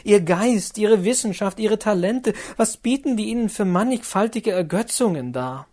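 A man voicing an earnest young woman in an audiobook, pleading and rising to a high, urgent pitch. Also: expressive, moderate pace, darkish tone. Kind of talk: audiobook character reading.

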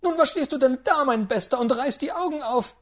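A woman voicing a rich, imperious 75-year-old great-aunt who shouts orders and quarrels with everyone. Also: high voice, big pitch swings, normal speed, pitched above the performer's own voice. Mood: scolding. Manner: loud, commanding, quarrelsome.

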